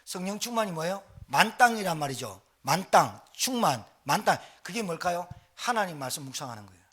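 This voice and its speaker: A male pastor preaching a sermon in a church, talking fast with lively, exclamatory delivery. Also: high-pitched, husky. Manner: fast-talking, admits speaking too quickly.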